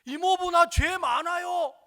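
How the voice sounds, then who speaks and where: A male preacher voicing a gravely ill young woman who speaks slowly and pleadingly. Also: extremely high pitch, sharp tone, big-room sound, voice pushed up, exaggerated voice.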